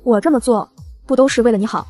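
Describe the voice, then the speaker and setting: A woman's voice: fairly high pitch, fast talker, darkish tone, soft background music, lightly acted. A woman reading as a vicious scheming stepmother. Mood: feigned tearful. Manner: venomous and threatening. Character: vicious scheming middle-aged adoptive mother.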